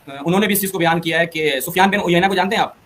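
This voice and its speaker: A man hosts a religious debate and presses his opponent with sharp, sarcastic questions. His voice is notably high. Faint noise sits behind him. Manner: pointed, challenging, sarcastic questions. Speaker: debate host.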